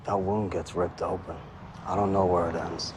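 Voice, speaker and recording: A man's voice: sits low, flat delivery, normal speed, close to an everyday voice. An actor playing a hardened male biker club leader in a television drama clip. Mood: steady, grim. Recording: TV clip with background noise.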